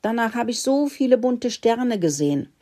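Woman playing giddy young boy mouse, squeaky, high and loud, storybook. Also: sing-song, normal speed. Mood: eager. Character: excitable young male mouse, repentant.

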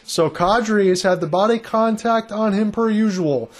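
Male live hockey caller, high-pitched voice, conversational and chatty with listeners. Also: moderate pace. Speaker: hockey play-by-play commentator. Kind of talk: live sports commentary.

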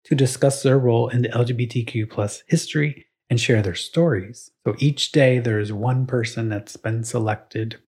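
Husky-voiced young man hosting a podcast. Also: mid-range voice, fairly even intonation, normal speed, hardly any pauses, a little mellow. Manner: playful quiz-master banter. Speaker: podcast co-host. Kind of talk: casual chat.

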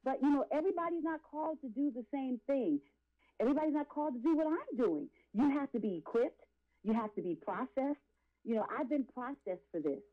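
A woman in her late forties, an R&B and gospel singer appearing as an interview guest, gives testimony in an impassioned, preachy, emphatic way, repeating phrases. Her voice sits high and sounds animated and brisk, with phone-quality sound.

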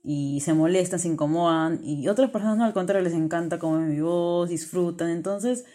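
Loud, earnest woman podcast host. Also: fairly low pitch, fairly quick. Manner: earnest, encouraging, addresses listener directly. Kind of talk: motivational self-help podcast monologue.

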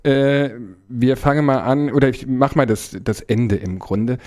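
Man, mid-pitched, hesitant guest voice with fillers and easy laughs. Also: measured pace, darkish tone. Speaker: guest, carnival performer. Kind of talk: casual chat.

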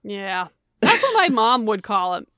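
A woman in easy, casual conversation, her voice at a middle pitch and recorded close and dry with no room sound. She laughs often, swears freely and slips into the voices of the people she quotes. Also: big pitch swings, a little slow, a bit bright, no echo. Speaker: podcast co-host. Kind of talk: casual chat.

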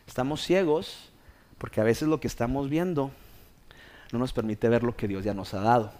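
A man from Mexico, a pastor, preaching a sermon that swings from quiet, close talk to loud, fervent preaching. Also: mid-range voice, normal speed. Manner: acts out scenes with playful voices.

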